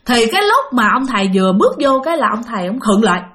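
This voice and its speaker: A woman storyteller recounting a supernatural tale, addressing her audience directly. Her voice sits on the higher side and moves with animated emphasis as she narrates. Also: fast talker. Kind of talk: spoken ghost story.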